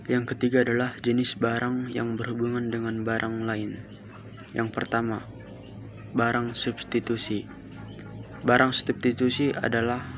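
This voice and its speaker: A teenage student reads his homework assignment aloud, listing definitions and examples one after another. His voice stays flat and level throughout. The recording is dull and lo-fi, with clear background noise and chickens and a rooster audible behind him. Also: mid-range voice. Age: mid-teens.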